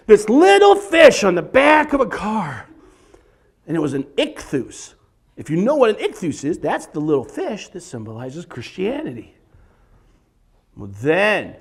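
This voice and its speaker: A middle-aged man doing stand-up comedy for a church audience, animated and exaggerated, breaking into sudden shouts. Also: high-pitched. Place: church event hall before a live audience.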